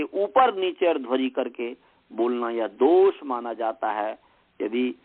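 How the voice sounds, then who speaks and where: Slow-spoken man, tinny phone-like sound. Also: medium pitch. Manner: slow, explanatory, repeats and acts out faults. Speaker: Sanskrit teacher and priest. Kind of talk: recorded lesson on pronunciation.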